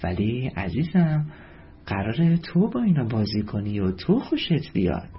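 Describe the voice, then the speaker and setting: A man voicing a kind, gentle mother who speaks with soft, affectionate coaxing in a storybook reading. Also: medium pitch, very animated, natural voice. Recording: dull lo-fi with faint music.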